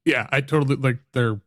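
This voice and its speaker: A man's voice: mid-range voice, dry recording, clean studio sound. A man in his forties hosting a podcast, chatting casually in a hesitant, agreeable way that trails off. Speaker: podcast host. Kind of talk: casual conversation.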